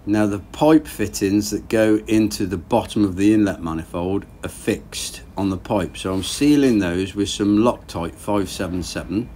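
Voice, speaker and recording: Low-voiced man narrating engine work. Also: normal speed, few pauses, a little hiss or hum. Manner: relaxed, plain-spoken, thinking aloud while working. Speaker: boat engine rebuild vlogger. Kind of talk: casual workshop narration. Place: garage workshop.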